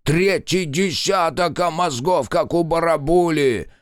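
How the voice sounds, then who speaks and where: A man voicing a grumpy, half-deaf old grandfather who scolds his grandson with shouted insults from downstairs. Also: a little high, a little slow, clear, resonant tone, voice pushed up, lightly acted. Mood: scolding. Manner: scolding, bellowing insults from afar.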